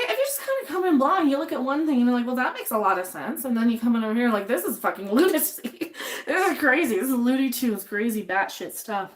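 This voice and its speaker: A young adult woman hosts a livestream while cooking, her voice pitched a little higher than average. She's blunt, swears a lot, rambles and restarts her sentences, and reads out names from the chat to reply to them. She sounds slightly sniffly throughout this casual cooking chat.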